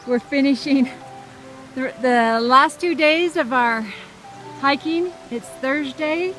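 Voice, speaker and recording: A woman's voice: high voice, slow, a bit bright, faint music behind. A woman leading a group hike, chatting to the camera on a mountain trail, upbeat and thankful. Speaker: hike leader filming a trail vlog. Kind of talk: casual outdoor vlog narration.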